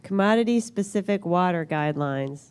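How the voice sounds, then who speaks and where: A woman's voice: fairly low pitch, animated, moderate pace, a little mellow, slight background noise. A woman moderating a question-and-answer panel, breezy and joking. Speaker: workshop moderator.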